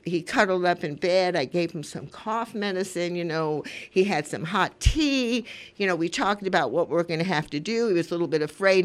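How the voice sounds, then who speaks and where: Een vrouw van in de tachtig, die als radiopresentatrice mededelingen doet en er oprecht en uitweidend bij praat. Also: female voice, mid-range voice. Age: 80s. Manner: earnest, rambling, conversational. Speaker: community radio host. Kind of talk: casual radio talk with announcements.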